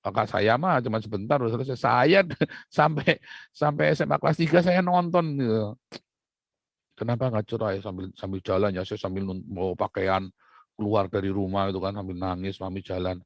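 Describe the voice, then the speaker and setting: A middle-aged man preaching a sermon, telling family stories with animated rises and soft low asides. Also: a little fast, vocal fry, dry recording. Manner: animated storytelling, rising loud when recounting fights.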